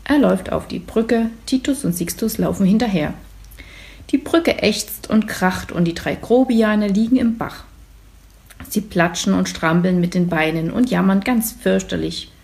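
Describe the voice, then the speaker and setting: Brief: woman storyteller, mid-pitched voice with a gravelly creak, calm and lively read-aloud narration for children. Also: unhurried.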